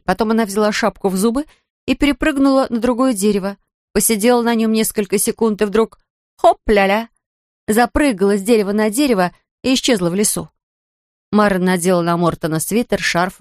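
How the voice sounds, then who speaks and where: A woman narrates a children's storybook in a calm, even voice. Her pitch sits in the middle range. The recording is dry and close, with no room sound. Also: quick pace, dry recording.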